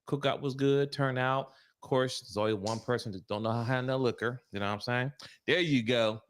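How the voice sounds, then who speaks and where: A man's voice: mid-range voice, fairly quick. A man co-hosting a casual livestream chat, telling laid-back stories and laughing along. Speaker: co-host.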